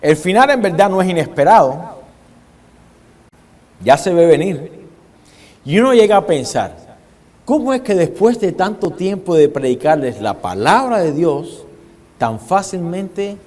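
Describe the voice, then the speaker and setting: A man preaching a sermon as a pastor, dramatic, shifting his pace and loudness and putting questions to his congregation. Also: a little high, big pitch swings, a little slow, pauses often. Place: church hall with congregation. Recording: long hall reverb.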